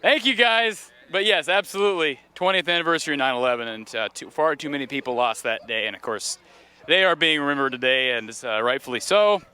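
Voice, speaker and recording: A man reports live from outdoors, strolling through a tailgate crowd. His voice sits a bit high and sounds bright and forward. He chats in an upbeat, easygoing way as he stops people along the row. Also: fairly quick, clear, resonant tone. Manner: upbeat, chatty, interviews passersby. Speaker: on-scene reporter. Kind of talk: live roving field report. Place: outdoor tailgate lot near a stadium.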